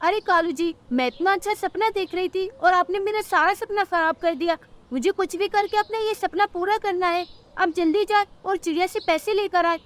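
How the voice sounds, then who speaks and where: A woman's voice: extremely high pitch, normal speed. A woman voicing a scheming, greedy female crow in a cartoon, whining and haughty by turns. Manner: whining, then haughty and scornful.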